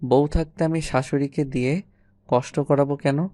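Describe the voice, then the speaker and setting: A man voicing a smug, playful young husband in an audio story, teasing in an unhurried mocking tone. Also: on the high side, steady tone, dark tone, dry recording, studio quality, natural voice.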